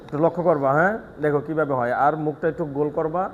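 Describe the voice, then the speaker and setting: Guy teaching quran recitation, patient, talks fast then recites slow, kinda high voice. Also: highs cut off, slight background noise. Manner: patient, explains quickly then recites slowly. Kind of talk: one-on-one tajweed lesson.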